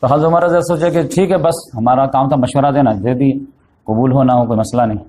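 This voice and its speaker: A man with a steady, warm, mid-range voice gives an Urdu religious lecture on the Prophet's life, told as a story. He mixes in English words and becomes emphatic when voicing the people in his tale.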